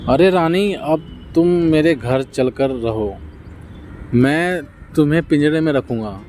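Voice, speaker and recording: A simple, good-hearted young farmer, as a male storyteller puts him on, with a raised, coaxing voice. He speaks gently and with wonder, his tone mellow and warm, like a character in a read-aloud storybook. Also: fairly high pitch, expressive, normal speed, faint music behind, close to an everyday voice. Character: simple hardworking young farmer Bhola, kindly.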